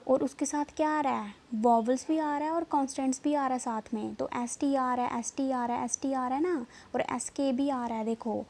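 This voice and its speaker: A woman teaching a basic lesson, slowing down to spell out letters and often checking in with "okay". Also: sits high, steady tone, darkish tone. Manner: repeats "theek hai" often, slow and drawn-out when spelling letters. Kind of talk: classroom lesson.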